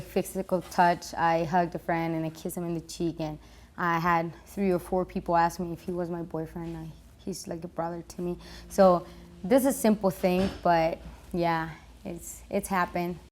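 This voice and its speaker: Young woman interviewee, low and monotone, halting delivery. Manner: hesitant, many "um" and restarts. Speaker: international student. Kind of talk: interview testimony.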